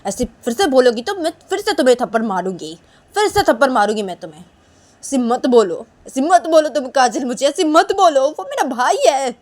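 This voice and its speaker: A woman voicing a young woman who cries and pleads in a high, strained voice while insisting she did nothing wrong. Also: sing-song, fairly quick, a little mellow. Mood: defiant. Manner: high-pitched, tearful pleading. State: crying. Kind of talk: one-woman voiced romance story.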